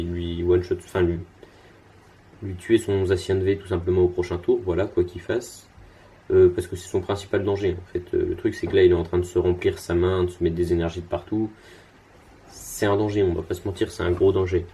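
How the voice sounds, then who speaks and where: A man's voice: low voice, fairly even intonation, a little fast, mellow, slightly rough. A young man casually commenting on his card game as he plays, thinking aloud with lots of fillers and restarts, tired and yawning.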